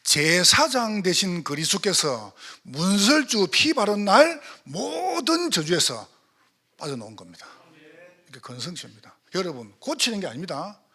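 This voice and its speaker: A man's voice: high voice, very animated, normal speed, pushed and bright, slightly rough. A male pastor with a Gyeongsang accent, preaching a sermon in church and firing rhetorical questions at the congregation. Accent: Gyeongsang Korean. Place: church sanctuary.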